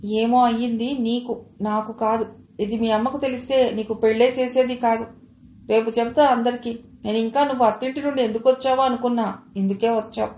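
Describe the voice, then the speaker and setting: A suspicious, sharp-tongued older mother-in-law, voiced by a woman narrator. She scolds and accuses in a slightly high voice. The recording carries a roomy echo. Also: steady tone, brisk, close to an everyday voice. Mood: scolding.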